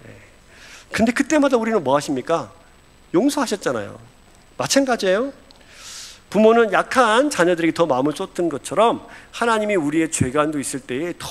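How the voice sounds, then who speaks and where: A man's voice: sits high, big-room sound. A man, an associate pastor, preaching a sermon and putting questions to the congregation.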